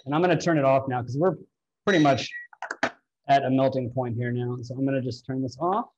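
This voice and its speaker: In a large home-style kitchen indoors, a man in his thirties hosts a live cooking demonstration, instructively explaining each step. His medium-pitched, darkish voice is fairly quick, heard through a far camera in dull, lo-fi livestream quality.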